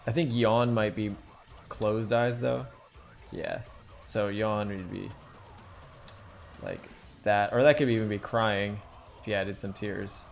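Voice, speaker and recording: A man's voice: lowish voice, fairly even intonation, slow pace, creaky, long pauses, soft background music. A man teaching drawing on a live stream, thinking aloud in a rambling, casual way with many fillers.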